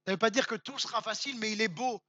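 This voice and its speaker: French male pastor, bright tense voice, emphatic sermon with casual asides. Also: sits high, fast, no room sound, highs cut off. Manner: emphatic, repeats words for stress, rises to near-shouts; conversational asides, addresses the congregation directly.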